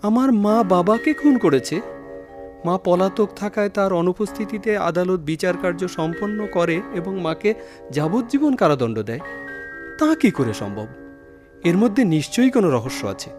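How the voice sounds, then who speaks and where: A man's voice: sits high, animated, moderate pace. An actor playing an earnest, troubled young son devoted to his mother, in theatrical old radio show drama delivery over music. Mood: puzzled, brooding. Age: young adult.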